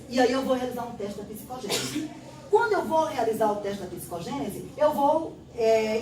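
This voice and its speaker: A woman with a Brazilian Portuguese accent, a literacy teacher explaining a classroom test step by step and acting out exchanges with pupils. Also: sits high. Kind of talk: instructional explanation. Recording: roomy echo, distant mic.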